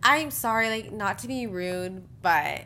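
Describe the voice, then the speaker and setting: A woman's voice: medium pitch, expressive, a little slow, bright, forceful tone, slight background noise. A young woman co-hosting a casual chat podcast, talking bluntly with lots of fillers and giggles. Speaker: podcast co-host. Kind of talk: casual chat about a reality dating show.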